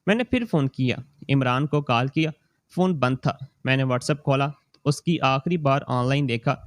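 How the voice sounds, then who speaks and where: A man reading a scripted moral story in the first person, slow and steady. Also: medium pitch, no room sound, studio quality.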